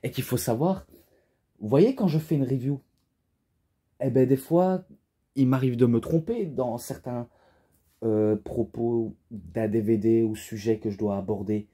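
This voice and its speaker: A young man reviews a wrestling DVD in a loose, casual ramble, restarting sentences and relying on fillers. His mellow, slightly husky voice sits at medium pitch, and he takes his time.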